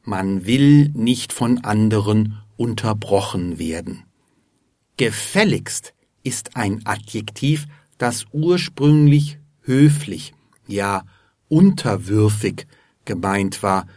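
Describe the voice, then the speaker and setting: A man narrating a scripted language lesson, explaining words in a measured way and spelling some of them out letter by letter. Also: lowish voice, lively intonation, a little mellow, no room sound, studio quality. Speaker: language teacher.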